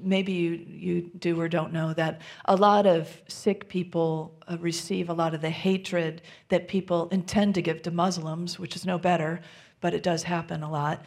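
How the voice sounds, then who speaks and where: A woman minister giving a gentle, reflective sermon, often dropping to a soft near-whisper. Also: lowish voice, flat delivery, moderate pace, vocal fry.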